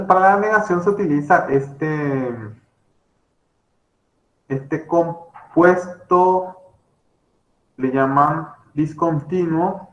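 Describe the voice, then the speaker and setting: A man with a Paraguayan Spanish accent giving a grammar lecture, talking slowly with many fillers and self-corrections. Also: fairly high pitch. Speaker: language teacher. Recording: roomy, slightly dull recording.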